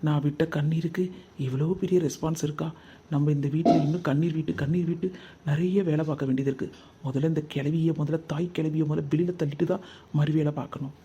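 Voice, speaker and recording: A man's voice: high-pitched, level tone, brisk, dark tone, a little hiss or hum. A man voicing a manipulative young wife in a cartoon, sulking, fake-crying and snapping back. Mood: scheming. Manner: whiny, sulky, pointed retorts. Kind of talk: cartoon comedy voice acting.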